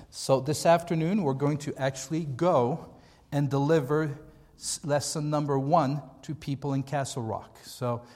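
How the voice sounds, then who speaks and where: American pastor talking in an echoey hall. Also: male voice, medium pitch, darkish tone. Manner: conversational, emphatic repetition. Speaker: pastor, seminar speaker. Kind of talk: informal church training talk. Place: large hall, speaking to a group. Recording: echoey hall with long reverb.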